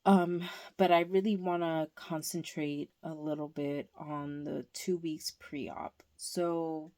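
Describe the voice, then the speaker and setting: A woman talking candidly in a casual home vlog, hesitant and pausing often. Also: deep voice, level tone, darkish tone. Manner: candid, slow and hesitant with many pauses. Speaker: vlogger. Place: indoors at home, under a blanket.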